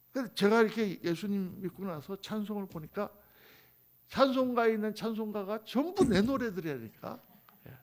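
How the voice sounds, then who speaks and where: Gravelly-voiced man preaching a sermon. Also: high voice. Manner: swings between loud emphatic lines and soft hushed ones; acts out quoted people in conversational asides. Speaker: pastor. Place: church sanctuary.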